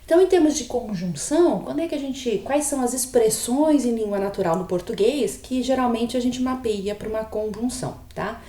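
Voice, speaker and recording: A woman's voice: a little high, expressive, fairly quick, hardly any pauses, mellow, roomy sound. A woman giving a logic lecture, patiently explaining and often checking in with her students. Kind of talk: recorded online lecture.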